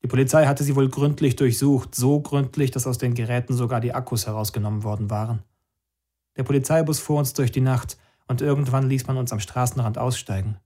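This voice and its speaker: Man narrator, calm, somber, measured reading, first person. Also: medium pitch.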